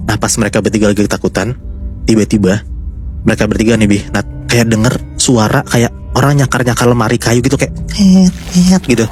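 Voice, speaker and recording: A man's voice: on the low side, flat delivery, fast, soft background music. A man casually telling a horror story to his co-hosts, chatty and building suspense. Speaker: storyteller host.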